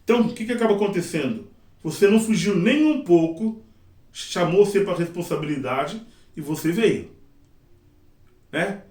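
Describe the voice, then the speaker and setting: A middle-aged man teaching a sign language interpreting class in a casual, lively way, acting out his examples. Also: high voice, moderate pace, pauses often. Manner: lively, acts out examples and quotes. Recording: echoey room, mic at a distance.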